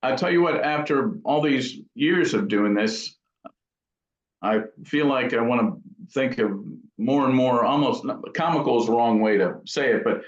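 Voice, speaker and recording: Here a guitar amp builder gives casual answers as an interview guest, correcting himself as he thinks aloud. He speaks at normal speed in a mid-range voice, and the audio is roomy, dull and lo-fi.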